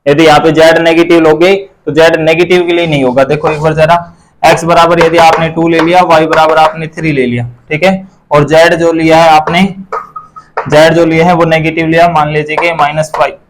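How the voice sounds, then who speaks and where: A man's voice: fairly high pitch, level tone, brisk, slight background noise, low-quality recording. Hindi-speaking man teaching a math lecture. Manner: asks and answers his own questions, repeats terms.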